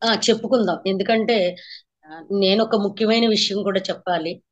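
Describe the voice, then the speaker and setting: At a moderate pace and in a mid-range voice, a woman who teaches meditation tells her class her story during a spiritual talk. She's earnest and repeats phrases to stress them, and the lo-fi audio is slightly dull.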